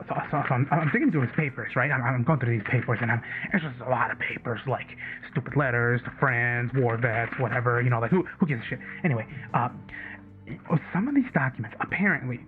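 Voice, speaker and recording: In a radio drama staged as casual late-night talk radio, a man plays an agitated, obsessive conspiracy caller who stammers, repeats himself and swears as he rambles. His lightly acted voice is medium-pitched and brisk, heard over a tinny, phone-like line with background music.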